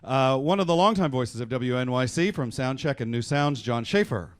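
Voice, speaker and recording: On stage before a live studio audience, a man acting as host and director introduces a radio drama company. His mid-range voice is animated and moderately paced, and the live hall recording picks up crowd noise and clicks.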